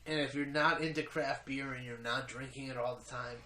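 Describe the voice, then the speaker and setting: Tipsy dude hyping a beer, emphatic n repetitive, bright tense voice, roomy sound. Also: male voice, mid-range voice, steady tone, fairly quick. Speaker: beer reviewer. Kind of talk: casual tipsy beer chat. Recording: echoey room, background noise.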